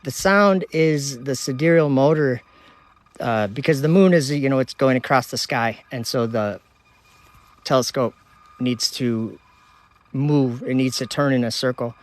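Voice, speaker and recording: A man hosting a relaxed livestream, reading comment after comment aloud in an easygoing, chatty way. His voice sits in an ordinary middle pitch. He is talking outdoors at night beside a telescope. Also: a little slow. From Minnesota, United States. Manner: relaxed, reads viewer locations aloud in a chatty running list. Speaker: livestream host.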